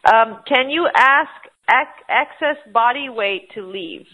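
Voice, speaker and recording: A woman's voice: fairly high pitch, lively intonation, takes it slowly, husky. A woman hosting a telesummit call, reading listener questions and keeping time. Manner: upbeat, reads out listener questions. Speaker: host. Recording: tinny phone line.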